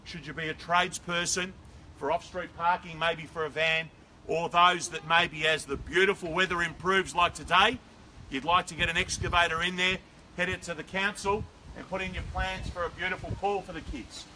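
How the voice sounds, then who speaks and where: A man's voice: high-pitched, steady tone, moderate pace, bright, forceful tone, a little hiss or hum, rough recording. A middle-aged Australian man calling a live property auction outdoors, delivering persuasive sales patter and rhythmic bid calls. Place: outdoors on a suburban front driveway. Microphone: far camera, no visible mic.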